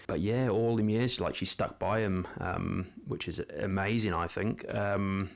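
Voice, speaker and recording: A man's voice: deep voice, steady tone, unhurried, vocal fry. A man, talking through a casual monologue with lots of ums and restarts. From New Zealand. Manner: hesitant, many ums and restarts. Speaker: vlogger.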